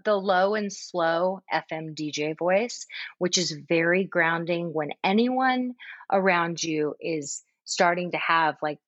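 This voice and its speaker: Gentle woman parenting coach, lowish voice. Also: slow pace, no room sound, muffled recording. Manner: gentle, explanatory, frequent restarts. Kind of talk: advice on a podcast call.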